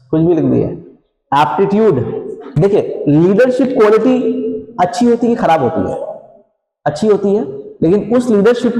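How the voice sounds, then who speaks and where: A man's voice: high-pitched, warm tone. A male teacher giving a classroom lecture, mixing English terms into his explanations, asking rhetorical questions and checking in with "theek hai". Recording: echoey classroom, long reverb.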